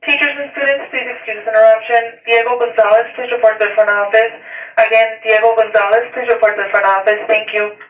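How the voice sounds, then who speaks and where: School office announcer over a PA speaker: quick, monotone, tinny and far off in an echoey room. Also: medium pitch. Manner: brisk and flat, repeating the call. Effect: heard over a school PA loudspeaker. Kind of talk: formal public announcement.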